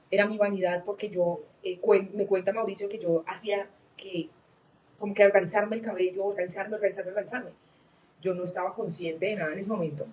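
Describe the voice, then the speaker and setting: A woman telling her personal testimony in an earnest, reflective way, often pausing with fillers and restarting her sentences. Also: medium pitch, a little mellow, poor audio. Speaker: guest giving a testimony.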